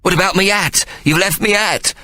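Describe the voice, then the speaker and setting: A man's voice: high voice, moderate pace, sharp tone, no echo, voice pushed up. A man voicing a small, frightened old male miser who whimpers and pleads. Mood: distressed.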